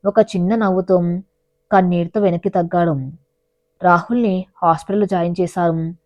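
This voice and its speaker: A woman narrating a dramatic story in a steady, measured storytelling way. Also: on the low side, no echo, highs cut off.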